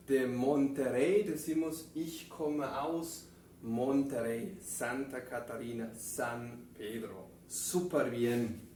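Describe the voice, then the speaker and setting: A man teaching a German class, saying example phrases slowly and clearly for students to repeat. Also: a little high, a little mellow, recorded from a distance, a little hiss or hum. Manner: slow, deliberate enunciation of example phrases. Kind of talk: classroom lesson, drilling phrases aloud. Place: classroom with a whiteboard. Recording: echoey room, voice off-mic.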